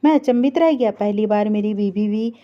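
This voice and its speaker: A woman's voice: medium pitch, moderate pace. Woman narrating a sad story, lo-fi. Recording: dull lo-fi recording.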